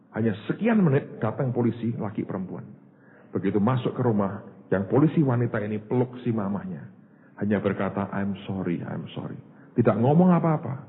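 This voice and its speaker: A man preaching a sermon as a pastor, telling a story and often calling the congregation "saudara". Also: fairly low pitch. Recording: tinny phone-like sermon recording with faint hiss.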